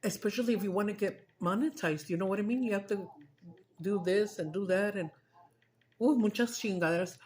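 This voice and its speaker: A middle-aged woman talks to her viewers while she eats. Her voice sits at a middle pitch, loose and chatty, with casual swearing and Spanish phrases. Faint background noise hums under the close phone mic. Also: a little fast, a little mellow. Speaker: mukbang streamer. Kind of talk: casual chat while eating.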